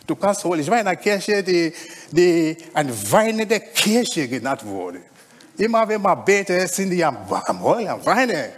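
High, lively preacher in a hall. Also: male voice, moderate pace. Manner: conversational preaching, frequent "ja?" tag questions. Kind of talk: sermon.

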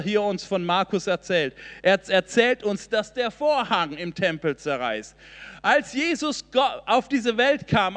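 Impassioned preacher, high voice, big hall. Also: male voice, fairly bright tone. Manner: impassioned, emphatic preaching with repeated phrases. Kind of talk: sermon. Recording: long hall reverb.

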